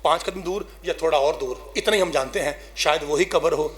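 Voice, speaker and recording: High-pitched zakir reciting masaib. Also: male voice. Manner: swings from loud high cries to hushed near-whispers; addresses the audience directly, urging them to weep. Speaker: zakir reciting at a mourning majlis. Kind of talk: emotional mourning recitation (masaib).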